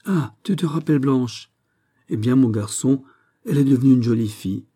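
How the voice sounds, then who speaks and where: A man's voice: medium pitch, normal speed, warm tone, husky, pitched above the performer's own voice, natural voice. A man voicing a jovial older family friend who greets a returning guest heartily, in an exclaiming manner. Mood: cheerful.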